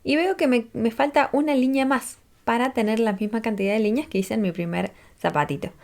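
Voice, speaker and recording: A woman's voice: a little high, fairly quick, a little mellow. A woman, patiently teaching a crochet tutorial step by step and checking in with listeners as she counts rows aloud. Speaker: crochet instructor.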